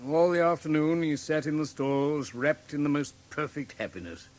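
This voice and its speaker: Actor as Doctor Watson, higher-voiced British gentleman doctor. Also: moderate pace, close to an everyday voice. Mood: reflective. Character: loyal, earnest gentleman doctor, the detective's companion and narrator. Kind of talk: classic radio drama acting and narration.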